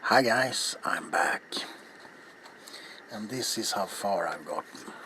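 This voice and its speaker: In a small, cluttered indoor workshop, a middle-aged man hosting an ASMR craft video speaks softly to his viewers in a low, hushed, yet animated voice. He goes very slowly and haltingly, often sinking to a whisper, with clear background noise in the small room.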